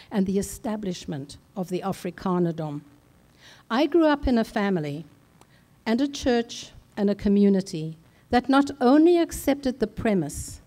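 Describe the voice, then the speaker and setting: An older woman from South Africa speaks at a conference in a slow, deliberate way. Her voice is mellow and dark in tone. She leaves measured, solemn pauses between her phrases. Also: mid-range voice. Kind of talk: slow, deliberate personal speech. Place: large conference hall.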